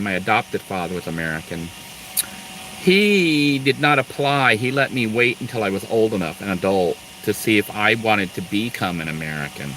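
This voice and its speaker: A middle-aged man from Thailand hosts a casual live stream with a bright, forceful voice. He rambles through asides and laughs between them. A faint hum sits behind him. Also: medium pitch, low-quality recording. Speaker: live-stream host, Air Force veteran.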